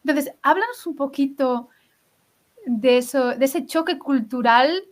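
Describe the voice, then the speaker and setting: Higher-pitched woman hosting a casual interview. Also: measured pace. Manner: encouraging, frequent tag questions and backchannels. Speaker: interviewer, host.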